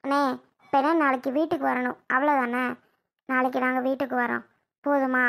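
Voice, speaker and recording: A woman acts out a sharp-tongued younger sister who snaps and then coaxes, in a family comedy skit. Her voice is high with a gravelly edge. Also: flat delivery. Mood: coaxing scolding. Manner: scolding yet coaxing, quick to snap.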